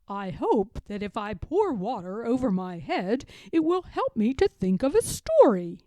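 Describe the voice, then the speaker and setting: A woman reading a children's storybook aloud voices an earnest, puzzled toad, slow, deliberate and emphatic. Her voice is a little high and sing-song, with a mellow, close, dry sound and no room sound.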